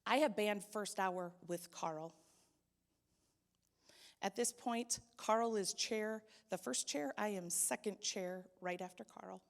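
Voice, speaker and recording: A young adult woman with a medium-pitched, slow voice edged with vocal fry narrates her personal testimony in a church hall. She acts out the people she quotes and grows loud and pleading, and the recording carries a long hall reverb.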